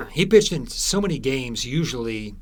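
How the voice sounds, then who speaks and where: This man, speaking as an interviewed author, has a medium pitch that swings widely and a slightly mellow quality. He relates stories conversationally in halting, explanatory bits, pausing thoughtfully.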